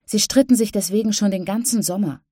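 A woman reading a children's story aloud as narrator in an even storytelling manner. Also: medium pitch, brisk, husky, no room sound, studio quality. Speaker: audiobook narrator. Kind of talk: scripted narration.

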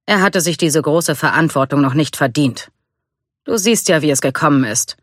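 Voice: medium pitch, normal speed, no room sound, clean studio sound, natural voice. Stern older officer, as a reader puts him on. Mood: cold. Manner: scolding, curt. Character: stern disapproving older male drill officer. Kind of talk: storybook read-aloud.

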